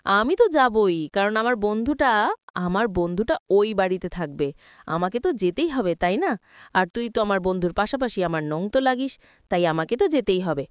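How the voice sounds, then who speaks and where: A woman's voice: medium pitch, lively intonation, moderate pace, clear, resonant tone, no room sound, studio quality, pitched below the performer's own voice, close to an everyday voice. A woman reading a spirited, teasing young woman. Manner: teasing, affectionate. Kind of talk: storybook retelling of a TV serial.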